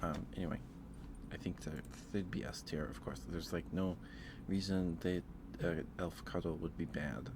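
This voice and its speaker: A man hosts a casual ASMR livestream, rambling hesitantly and often repeating phrases. His voice sits low with a steady tone at a normal speed, with background noise present.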